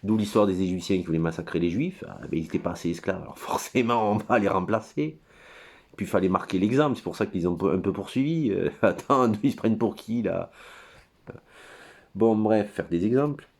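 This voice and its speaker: A man's voice: fairly low pitch, brisk, darkish tone. A man giving a rambling, crude monologue at his computer, full of hesitations and digressions. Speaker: commentator.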